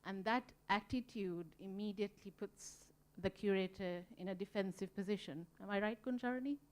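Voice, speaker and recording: In a conference room, a Sri Lankan museum volunteer sits on a panel and talks at a moderate pace. Her mid-range voice has a darkish tone, and her manner is earnest and thoughtful, with frequent ums while she gathers her thoughts.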